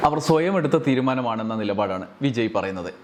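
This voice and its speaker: A man narrating a news report in a measured, explanatory way. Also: fairly low pitch, expressive, heavy background noise.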